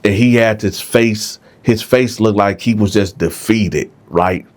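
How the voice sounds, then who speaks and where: Talking in an unhurried, low-leaning voice, this man hosts his own channel and sounds stuffed up and congested. He shares a story casually with viewers, chatting conversationally and repeatedly asking "right?"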